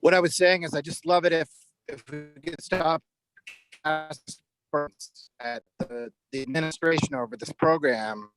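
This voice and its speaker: A man's voice: a little high, fairly even intonation, normal speed, fairly bright tone, low-quality recording. A man speaking in a public meeting over a video call with a choppy connection, earnest and repeating words as he makes his point. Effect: video call audio with a connection breaking up. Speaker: town meeting participant.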